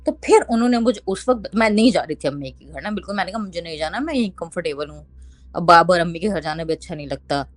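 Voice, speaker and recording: A young woman, casually telling a ghost story and quoting others in lively bursts. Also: fairly low pitch, fast, no room sound. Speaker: storyteller recounting a haunting.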